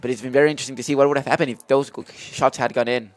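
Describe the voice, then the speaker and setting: A man's voice: mid-range voice, steady tone, very fast, no echo. A man giving live analysis as color commentator at a lacrosse game.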